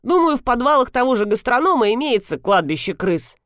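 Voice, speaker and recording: A woman voicing an ironic, commanding grown man who speaks slowly and dryly. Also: on the high side, sing-song, no echo, voice pushed up. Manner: slow, dry, commanding.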